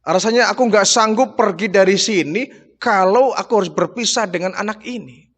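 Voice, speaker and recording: A man's voice: sits high, moderate pace, fairly bright tone. A man voicing a grieving, devoted nursing mother who pleads through tears, in a retold religious story. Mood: tearful pleading. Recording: long hall reverb.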